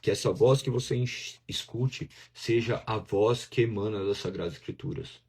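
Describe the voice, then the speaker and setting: Husky, warm-voiced Brazilian pastor preaching. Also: male voice, on the low side, moderate pace. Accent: Brazilian Portuguese. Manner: conversational preaching, acts out inner voices in dialogue. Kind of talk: sermon.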